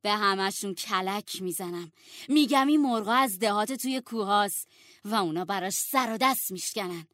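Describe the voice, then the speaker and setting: A woman's voice: medium pitch, a bit bright, dry recording, studio quality, natural voice. A woman voicing a cunning poor boy who bargains hard over a chicken and will not give in. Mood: stubborn bargaining. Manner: stubborn, bargaining, threatening.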